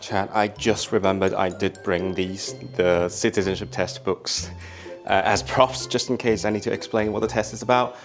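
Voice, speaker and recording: A man's voice: fairly low pitch, steady tone, normal speed, few pauses. Man vlogging, slightly Welsh-tinged accent, faint music. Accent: slightly Welsh-tinged English. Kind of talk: casual chat to camera.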